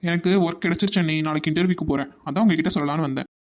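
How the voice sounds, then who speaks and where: Someone voicing a cheeky young brother. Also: male voice, on the high side, racing, a little mellow, close to an everyday voice. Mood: teasing. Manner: playful and teasing. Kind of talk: Tamil cartoon dubbing.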